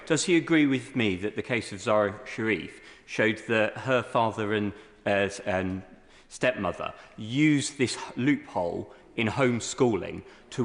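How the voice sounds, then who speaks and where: A rather low-voiced man speaks in a reverberant hall. He puts a point in parliamentary debate, his delivery a little halting. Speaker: member of parliament.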